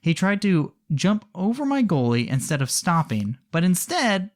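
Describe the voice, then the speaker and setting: Podcast cohost telling a story, really lively pitch, wry little asides. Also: moderate pace. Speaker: podcast co-host. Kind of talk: casual storytelling.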